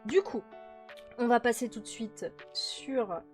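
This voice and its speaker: A woman's voice: fairly high pitch, slow pace, darkish tone. A woman hosting a game commentary video, chatty, with many fillers and repeated words. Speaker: host playing a management game. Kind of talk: casual let's-play commentary. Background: faint background music.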